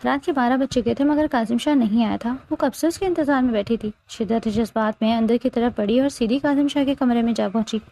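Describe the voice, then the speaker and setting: Mellow-voiced woman narrating a romance novel. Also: on the high side, few pauses. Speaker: audiobook narrator.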